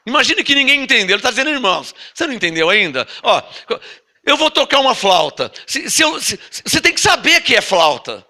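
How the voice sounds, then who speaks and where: An apostle preaches to a congregation in a very high-pitched, sing-song voice with a sharp tone and a Brazilian Portuguese accent. He lingers slowly over scripture readings, then gives emphatic explanations and presses listeners with rhetorical questions.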